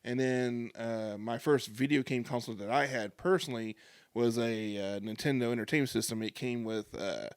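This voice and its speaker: Man, forties, gravelly voice, podcast co-host, casual storytelling. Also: medium pitch, steady tone, normal speed, no echo, clean studio sound. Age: 40s. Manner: rambling, nostalgic storyteller. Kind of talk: casual chat.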